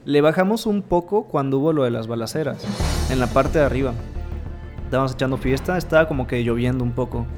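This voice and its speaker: With music in the background, a Mexican-accented man co-hosting a casual chat tells a party story vividly, imitating voices and making sound effects as he quotes people. His voice is mid-range and his pace quick.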